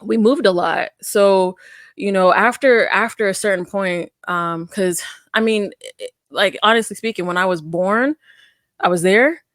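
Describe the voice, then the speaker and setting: A woman co-hosting a casual podcast chat, telling stories and acting out quotes in a squeaky high voice. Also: a little slow, no echo, studio quality. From grew up moving between military bases. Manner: animated storyteller, acts out quotes in a high voice. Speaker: podcast co-host.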